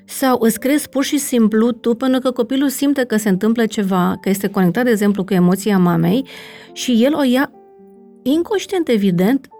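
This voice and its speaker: A woman's voice: fairly high pitch, mellow, soft background music. A middle-aged woman, an interview guest, explaining family constellation work in a conversational way and often checking in with "right?" and fillers.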